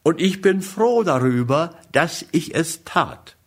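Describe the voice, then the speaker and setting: A man reading the part of a weary, embittered wife who speaks in a low, exhausted voice. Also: sing-song, slow, full character voice. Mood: exhausted defiance.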